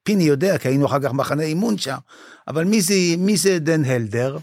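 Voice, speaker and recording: An older man with a fairly high pitch shares stories from his days managing a basketball club during a podcast interview. He acts out the dialogue vividly and grows emotional, saying he is moved, and the recording is dry and studio quality.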